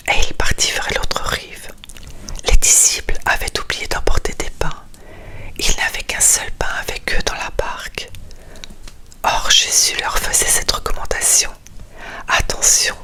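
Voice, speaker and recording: A reader softly whispering a scripture reading in a breathy, unvoiced ASMR style, quiet as for night-time. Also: medium pitch. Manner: hushed, quiet bedtime whisper.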